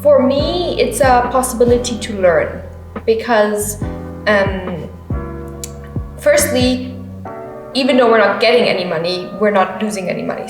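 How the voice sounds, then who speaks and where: A woman in her twenties, a theater student, answering interview questions in a thoughtful, plain way. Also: on the high side. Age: 20s. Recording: echoey room with music behind.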